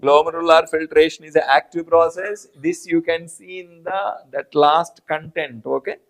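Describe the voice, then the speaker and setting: Brief: higher-pitched Indian English male teacher, repetitive, calls students by name. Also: steady tone, moderate pace. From South India. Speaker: biology teacher. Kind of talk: live online class.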